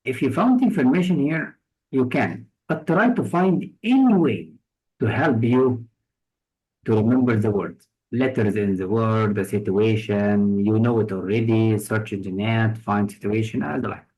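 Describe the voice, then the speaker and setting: A man's voice: lowish voice, measured pace, a little mellow, rough recording. A man teaching English vocabulary for test prep with an Egyptian accent, patiently explaining each word through examples and synonyms.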